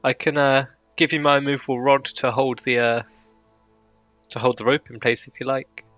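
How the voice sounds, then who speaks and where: Man, tabletop player, bright forward voice, dry close sound, casual banter, faint music. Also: mid-range voice, little pitch movement, moderate pace, no echo, dull audio. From outside the United States.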